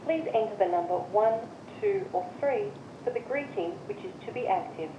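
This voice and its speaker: Automated voicemail menu voice, woman, high and lively, played through a muffled, echoey phone speaker with hiss. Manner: measured, evenly spaced instructions. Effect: voicemail system voice heard through a phone speaker. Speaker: automated voicemail system prompts. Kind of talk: recorded menu prompts.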